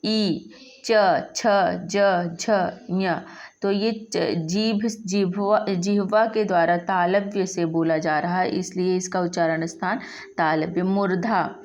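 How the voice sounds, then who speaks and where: Slow-spoken woman teaching a lesson. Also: lowish voice, fairly even intonation, a little mellow. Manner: slow, repeats and spells out sounds one by one. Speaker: Sanskrit teacher. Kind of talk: classroom lesson.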